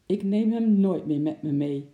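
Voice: mid-range voice, big pitch swings, normal speed, phone-quality sound. A narrator voicing a fussy, flustered grandfather who grumbles, in a children's audiobook. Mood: grumbling. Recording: roomy echo.

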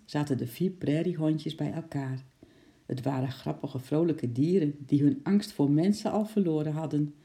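A woman reading a children's book aloud in a gentle storytelling manner. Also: low-pitched. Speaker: narrator.

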